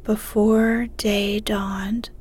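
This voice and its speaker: A woman reading a story aloud in a soft, unhurried ASMR whisper. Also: mid-range voice, little pitch movement, slightly rough.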